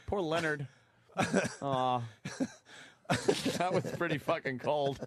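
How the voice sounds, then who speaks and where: A man's voice: on the high side, slow pace. A man co-hosting a talk radio show, joking around with his co-hosts and laughing a lot. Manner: hesitant and apologetic in the prank, then laughing loudly. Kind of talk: casual radio banter with prank call.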